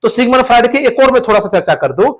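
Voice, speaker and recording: A man's voice: extremely high pitch, lively intonation, fast. A male teacher giving a classroom lecture, explaining points through stories and repeating the key terms.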